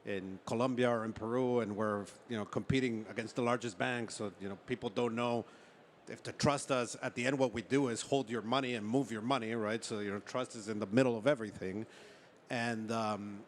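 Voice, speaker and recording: A man from Ecuador, a startup founder and CEO, tells stories as a guest in an on-stage interview, speaking informally and haltingly with frequent check-in words in a mid-range, steady voice. Noticeable background noise and room ambience are audible.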